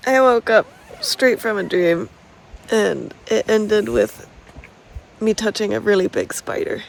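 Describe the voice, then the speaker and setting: A woman's voice: mid-range voice, big pitch swings, slow, creaky. A woman hosting a vlog, talking casually as she narrates, in a noisy on-location recording. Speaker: vlog host.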